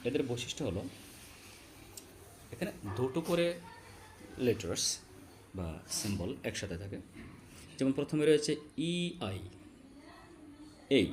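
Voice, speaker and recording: A man teaching English vowel sounds to students, addressing them directly, slowly spelling out letters and repeating key sounds. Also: mid-range voice, very animated, a little mellow, a little hiss or hum. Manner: slow, drawn-out spelling of letters. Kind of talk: classroom-style phonetics lesson.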